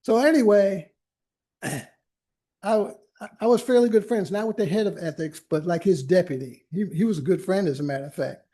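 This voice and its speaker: The voice sits high and dark and keeps a moderate pace. It belongs to an older man, an attorney and workshop presenter, who uses a library meeting room for an informal, anecdote-driven lecture, talking chattily with constant restarts and asides.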